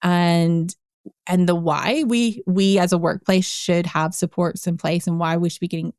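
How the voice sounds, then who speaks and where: A woman's voice: on the low side, fairly even intonation, a little slow, a little mellow, no room sound, studio quality. A middle-aged woman hosting a podcast interview, chatty and laughing often, with many restarts and fillers. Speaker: podcast host. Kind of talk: casual interview chat.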